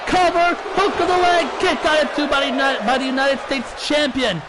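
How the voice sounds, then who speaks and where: High-pitched shouting male wrestling commentator. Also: steady tone, a little fast. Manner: shouted, dramatic delivery. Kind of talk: excited wrestling play-by-play commentary. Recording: noisy recording with loud crowd.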